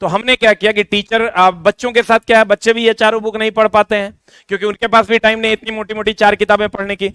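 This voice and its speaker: High, smooth-voiced male teacher. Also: level tone, fast, fairly bright tone, no room sound. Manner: informal, repetitive, addresses students directly. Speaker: coaching teacher. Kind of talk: promotional explanation to exam students.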